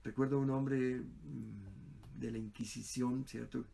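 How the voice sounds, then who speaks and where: A man's voice: medium pitch, fairly even intonation, slow pace, creaky, dark tone, breathy edge. A male pastor delivering a sermon, telling stories with quoted dialogue and frequent fillers.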